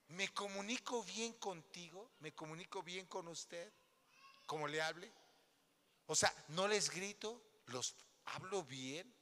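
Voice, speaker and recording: A man's voice: high voice, sharp tone. A man pastor preaching a sermon in a church, throwing questions at the congregation and acting out little scenes. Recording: long hall reverb.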